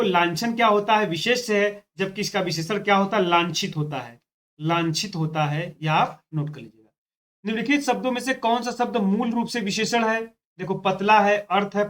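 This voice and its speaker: High-voiced man teaching exam grammar. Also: fairly bright tone. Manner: talks through test questions step by step, repeating phrases; addresses students directly with "dekho" and "thik hai". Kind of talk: exam practice lesson.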